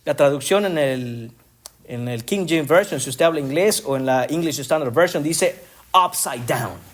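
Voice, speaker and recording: A man's voice: fairly high pitch, normal speed. A man preaching a sermon as a pastor, speaking emphatically and often addressing the congregation as brothers. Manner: emphatic, rising to strong stresses on key words.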